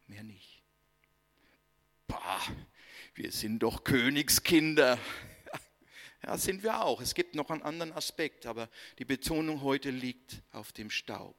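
A man gives a sermon at a deliberate, unhurried pace, his voice bright and pressing. He leans into key words and lets phrase endings sink almost to a whisper. The sound rings with a long reverb, as in a church hall. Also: medium pitch, lively intonation. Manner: slow, emphatic preaching with dramatic pauses and soft, dropped line endings. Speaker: preacher.

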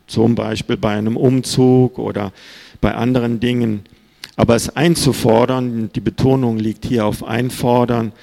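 A man's voice: mid-range voice, gravelly, a little mellow. A man preaching a sermon in an earnest, plain-spoken way, reading scripture aloud. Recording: reverberant hall.

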